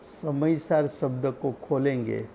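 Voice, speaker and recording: A man giving a slow, deliberate religious study lecture, repeating key points for his listeners. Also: mid-range voice, vocal fry, mellow, slight background noise. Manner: slow, deliberate teaching with repetition. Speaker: scripture teacher.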